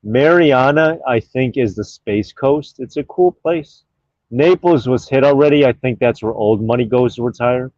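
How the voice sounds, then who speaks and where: On his own live stream, a man talks offhandedly at a moderate pace, reading out viewer comments and wandering from topic to topic with lots of fillers. His pitch is middling and his tone darkish, and the lo-fi audio is dull, without room echo.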